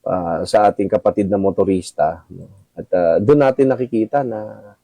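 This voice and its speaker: A middle-aged Filipino man with a gravelly voice, giving casual advice to fellow riders and gun club members, often tagging his sentences with "no?". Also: lowish voice, normal speed, dark tone, no room sound, low-quality recording. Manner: addresses listeners as brothers, frequent tag "no?".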